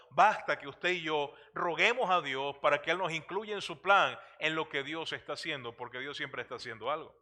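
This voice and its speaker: Male pastor preaching a sermon, fairly high and bright tone, lively questions, lots of hesitations. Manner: animated preaching with many fillers and questions to the congregation. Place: church.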